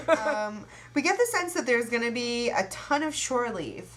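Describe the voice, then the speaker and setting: A woman's voice: fairly high pitch, expressive, a little slow, noisy background. A young woman co-hosting a fan podcast in casual chat, wry and sarcastic, often laughing. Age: young adult. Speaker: podcast co-host.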